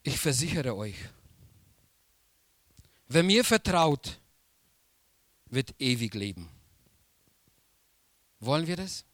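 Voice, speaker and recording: A man preaching a sermon slowly and emphatically, repeating key phrases for weight. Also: medium pitch, a bit bright, no echo.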